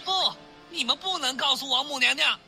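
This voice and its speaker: A brash, mischievous monkey king, voiced by a woman in a storybook, loud and cocky. The voice sits fairly high and bright, and it bursts out with pushy confidence. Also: moderate pace, vocal fry, faint music behind, full character voice. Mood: brash indignant.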